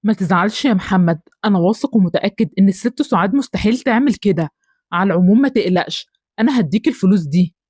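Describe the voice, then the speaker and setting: Woman voicing calm reasoning Egyptian man, fast talk, dry mic. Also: medium pitch, husky, dry recording. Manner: soothing, reasoning. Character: calm man, a fair-minded engineer neighbor.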